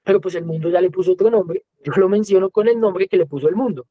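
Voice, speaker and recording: This high-pitched, fast-talking man with a Colombian accent is a music teacher giving an educational talk as a guest speaker. He lectures in a conversational style and often acts out quoted voices. The audio has no echo and sounds narrow and tinny.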